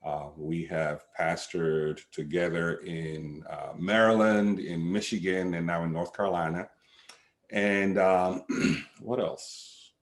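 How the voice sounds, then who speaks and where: A middle-aged man from Sierra Leone, a pastor, telling a personal story in a relaxed way with lots of fillers over a home video call. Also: deep voice, slow, roomy sound. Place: living room at home, indoors. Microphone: webcam on a video call.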